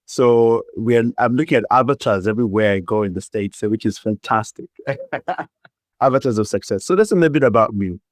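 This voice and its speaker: A man's voice: on the low side, fairly quick, dry recording, studio quality. A middle-aged man from Uganda with a Ugandan accent, a playful, expansive guest in an interview who laughs often. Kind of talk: podcast interview.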